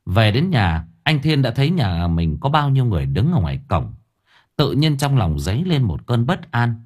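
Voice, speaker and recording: A man narrating a story in an expressive, dramatic way. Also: fairly low pitch, husky. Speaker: audiobook narrator. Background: faint music bed.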